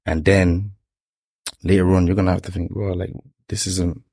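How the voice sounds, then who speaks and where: A man's voice: deep voice, little pitch movement, moderate pace, darkish tone, breathy edge, no echo, clean studio sound. A young man with a London accent talks reflectively and casually, often ending his points with tag questions. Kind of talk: casual motivational chat.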